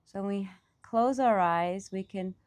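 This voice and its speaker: A woman with a mid-range voice and a darkish tone guides a meditation session as its teacher. She improvises, her phrases reflective and halting, with pauses between them.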